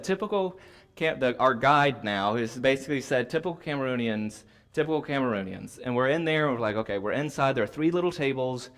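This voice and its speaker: Rambling man telling a travel story. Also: mid-range voice. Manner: rambling, animated, self-correcting. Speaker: church class speaker. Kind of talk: casual storytelling talk.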